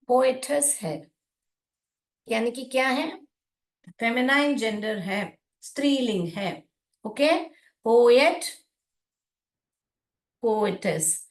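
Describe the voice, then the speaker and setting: Indian woman teacher, high voice, slow and careful, checks the class often. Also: echoey room. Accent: Indian English. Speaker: English teacher. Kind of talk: classroom lesson in Hindi and English.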